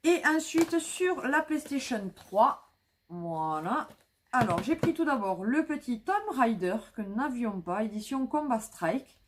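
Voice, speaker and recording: A woman's voice: a little high, lively intonation, a little slow, slight background noise. A woman vlogging casually about flea market finds, talking with many fillers and restarts.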